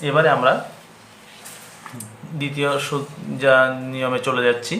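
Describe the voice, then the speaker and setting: A man teaching a Bengali pronunciation lesson for exam prep, who asks his own questions, answers them, and repeats example words slowly. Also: mid-range voice, little pitch movement, a bit bright, roomy sound, a little hiss or hum.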